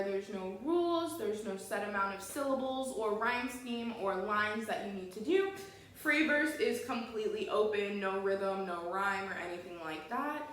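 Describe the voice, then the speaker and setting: Woman teacher in a very echoey room. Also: mid-range voice. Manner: patient, explains step by step. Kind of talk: online poetry lesson.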